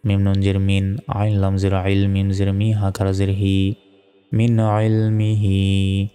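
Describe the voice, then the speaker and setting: A man with a Bangladeshi Bengali accent teaching Quran reading, patiently spelling out syllables and then reciting the verses in a drawn-out way. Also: low voice, monotone, mellow, smooth, in a large hall, faint music behind. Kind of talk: slow spelled-out recitation lesson.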